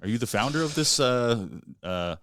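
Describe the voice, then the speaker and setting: A man hosting a podcast, talking in a relaxed way with many fillers and pauses. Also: mid-range voice, dry recording, studio quality. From Canada. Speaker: podcast host. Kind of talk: casual podcast chat.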